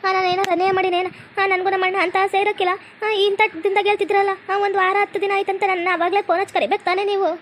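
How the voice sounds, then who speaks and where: A woman's voice: very high voice, level tone, very fast, hardly any pauses, a bit bright, slight background noise. A woman voicing a grieving young sister in a cartoon, pleading in a North Karnataka Kannada accent. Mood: plaintive. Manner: plaintive, pleading. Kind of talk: cartoon voice acting.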